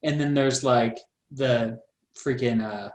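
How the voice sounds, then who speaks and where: A man musing aloud in a loose podcast chat, full of filler words and the odd curse. His voice sits at a middle pitch and rings with the echo of a bare room over a video call. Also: slow. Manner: rambling, many "like" fillers, swears. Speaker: podcast co-host. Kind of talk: casual chat.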